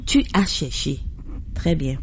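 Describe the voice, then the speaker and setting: A woman host leads a radio language lesson, speaking slowly and carefully. She repeats words back to get the pronunciation right. Her voice comes through with a dull, lo-fi radio sound. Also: deep voice, a little hiss or hum.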